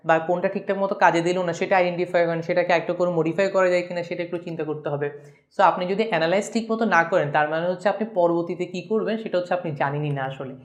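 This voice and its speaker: A woman with a Bangladeshi accent giving an online lecture, explaining briskly and mixing in English terms. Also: fairly low pitch, steady tone. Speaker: course instructor.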